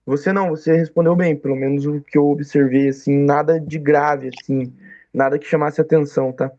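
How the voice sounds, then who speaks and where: A man's voice: on the high side, steady tone, fairly quick, warm tone, dull audio. A man acting as an oral exam examiner, giving patient, explanatory feedback and checking often that he is understood.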